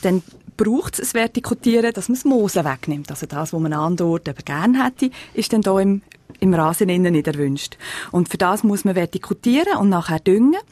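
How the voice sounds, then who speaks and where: A woman's voice: medium pitch, expressive, moderate pace, a little mellow, dry recording. A woman with a Swiss German accent, a gardening expert, answering listener questions on the radio in a practical, plain-spoken way. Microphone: studio microphone.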